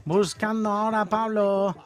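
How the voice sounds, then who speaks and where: A man's voice: high-pitched, fairly even intonation, normal speed, faint music behind. A man giving live play-by-play commentary on a beach soccer match. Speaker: sports commentator.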